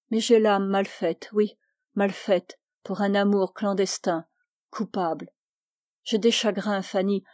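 A woman's voice: medium pitch, a little mellow, no room sound, clean studio sound, close to an everyday voice. Woman reading as a remorseful young lover. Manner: pleading, self-reproaching.

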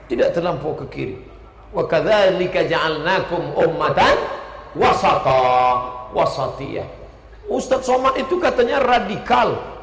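A man from Indonesia preaching a lively, humorous sermon, joking with the crowd and shouting out lists for emphasis. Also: on the high side, slight background noise. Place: large hall with a stage. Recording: echoey hall with long reverb.

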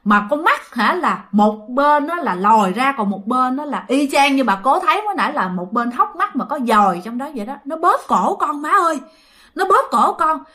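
A terrified grandmother blurting out what she saw, pleading to her mother in panic, as a woman storyteller acts her out. The voice is bright and lively, leaping around in pitch. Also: moderate pace, heavily acted. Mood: panicked.

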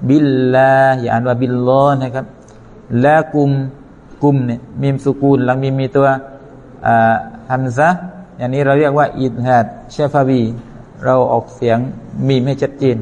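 A man's voice: mid-range voice, a little mellow. A man teaching Quran recitation, chanting verses and then explaining pronunciation step by step in a careful lesson. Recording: long reverberant hall.

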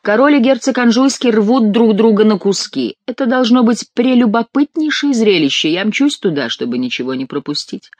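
A man reading an audiobook, voicing a playful, sly young male courtier with a lively, teasing delivery. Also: sits high, moderate pace, few pauses, no room sound, voice pushed up.

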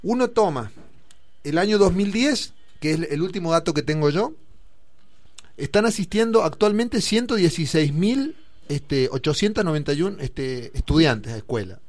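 A man's voice: a little high, animated, moderate pace, a little mellow. Argentine man explaining school figures. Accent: Argentine Spanish. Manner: explains with many figures and fillers, thinks aloud. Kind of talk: explanatory discussion.

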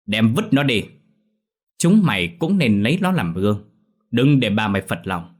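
A man voicing a spiteful, sharp-tongued young mistress who scolds and shrieks at her servants in a ghost story. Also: fairly high pitch, big pitch swings, brisk, husky, voice pushed up. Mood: commanding.

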